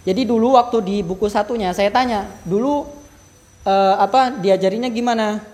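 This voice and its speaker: A man's voice: sits high, normal speed, darkish tone, long reverb tail. A Javanese man teaching a Quran recitation workshop, modeling letter sounds and explaining casually. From Java, Indonesia. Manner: drills syllables, then explains casually.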